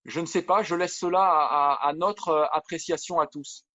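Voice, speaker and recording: A pastor preaches by video with a fairly high voice, earnest and searching. He often restarts his phrases as he reads testimony aloud. The sound is dull and muffled. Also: steady tone, normal speed, pushed and bright. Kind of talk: video sermon.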